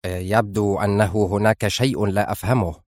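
A man's voice: lowish voice, fairly even intonation, normal speed, darkish tone, no echo, studio quality, lightly acted. Man voicing a sly, fawning male spy. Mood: sly, insistent. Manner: ingratiating and cunning. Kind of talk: audiobook character voice.

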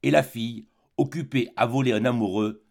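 A man reading a classic novel aloud as an audiobook, in an expressive, animated narration. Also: medium pitch, moderate pace, creaky. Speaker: audiobook reader.

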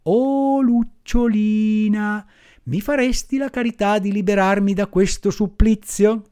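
A man voicing a wooden puppet boy who pleads and sobs in a whiny, high voice. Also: fairly even intonation, slow, dark tone, clean tone. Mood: pleading. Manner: whiny, sobbing pleas.

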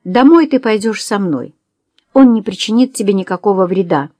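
A woman voicing a cool, cynical male swindler who talks in a slow, coaxing, amused drawl. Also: medium pitch, expressive, dark tone, no echo, natural voice. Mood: mocking.

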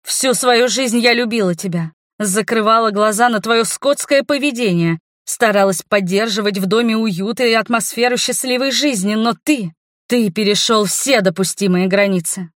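A woman's voice: on the high side, normal speed, a bit bright, no room sound, studio quality, pitched above the performer's own voice, natural voice. A woman voicing a middle-aged mother, wounded and fierce, speaking in a heated, reproachful way. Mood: furious.

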